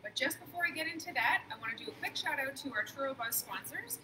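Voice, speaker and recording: A woman's voice: sits high, lively intonation, fast. A young woman hosting a live local show, upbeat and conversational as she plugs sponsors and asks questions. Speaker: host. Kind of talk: live interview and sponsor plug. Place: large indoor market hall. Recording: noisy market hall.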